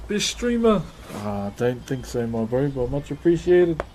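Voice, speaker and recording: A man's voice: mid-range voice, very animated, moderate pace. A man with a New Zealand accent chatting casually on a livestream in a laid-back, slangy way as he answers viewers. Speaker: live streamer. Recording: clearly noisy background ambience.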